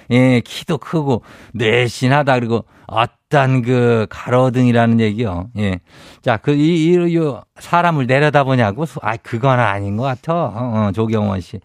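A man's voice: medium pitch, measured pace, smooth, no echo, studio quality. A man with a Chungcheong Korean accent hosting a radio show, reading listener messages and giving folksy, teasing, homespun advice in a casual chat.

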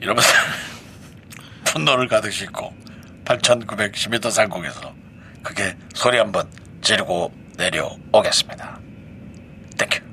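A man's voice: fairly low pitch, a little slow, long pauses, bright, forceful tone, slight background noise, voice pushed down. A man playing a male airline captain who gives a formal in-flight announcement as a comedy skit on a radio show. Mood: announcing. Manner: formal in-flight announcement voice, mixing in English greetings.

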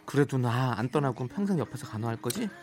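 A woman's voice: very deep voice, lively intonation, quick pace, darkish tone, faint music behind, voice pushed down. A woman voicing a clingy girlfriend in her thirties who keeps testing her boyfriend's love, in a comic radio sketch with a whiny, pleading manner.

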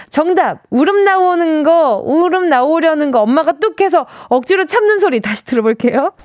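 Playful lively woman radio DJ. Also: high-pitched, dry recording, studio quality. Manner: playful, reads listener messages, imitates sounds. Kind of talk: radio call-in quiz chat. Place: radio studio. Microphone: studio microphone.

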